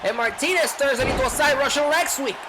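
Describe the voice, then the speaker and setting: Over loud crowd noise and background music in a noisy venue, a man calls live pro wrestling play-by-play at a quick pace. His voice is extremely high, delivering short, clipped calls and dramatic rhetorical questions.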